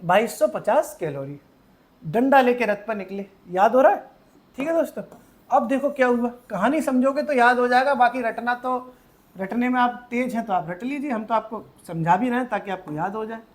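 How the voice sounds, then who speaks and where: A man teaching an online exam-prep lecture. He talks in a playful storytelling way, uses memory tricks, keeps checking whether the class is following, and swings between loud emphasis and quiet asides. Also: extremely high pitch, lively intonation, normal speed.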